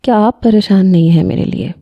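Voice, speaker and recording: A woman voicing a lovesick nineteen-year-old young man who pleads softly, in a storybook reading. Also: medium pitch, no room sound, highs cut off, lightly acted. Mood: pleading.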